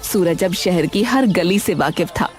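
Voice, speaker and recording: A woman narrating an animated story in a dramatic, measured storytelling manner. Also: on the low side, soft background music.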